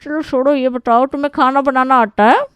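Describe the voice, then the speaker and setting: A loud, bossy older aunt from an animated story, put on by a woman, fires off blunt, nosy questions with mocking scorn. The voice sits high and pushes loud, and the sound is dry and close. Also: brisk, clean tone, dry recording.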